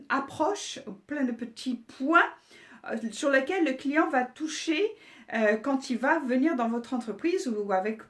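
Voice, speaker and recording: A woman with a French accent hosting a casual business talk, chatty, with many hesitations and restarts. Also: sits high. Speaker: host.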